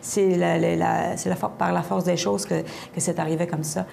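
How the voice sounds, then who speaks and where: Her voice sits on the low side, strongly gravelly but mellow, and moves at normal speed, carrying an Acadian French accent from Havre-Saint-Pierre, Quebec. The middle-aged singer-songwriter answers TV interview questions animatedly in the studio, gesturing often and full of restarts and fillers, over faint noise on the lapel mic.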